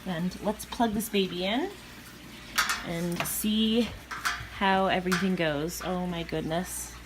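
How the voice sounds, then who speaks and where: A woman narrating a casual home video about her fish tank in a chatty, excitable way, with giggles and self-corrections. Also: fairly low pitch, slow pace, background noise. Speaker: goldfish keeper vlogger.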